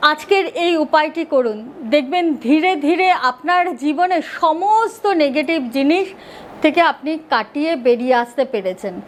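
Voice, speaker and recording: A woman hosting a spiritual advice talk, calmly instructing viewers step by step and reassuring them as friends. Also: high-pitched. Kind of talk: direct-to-viewer remedy advice.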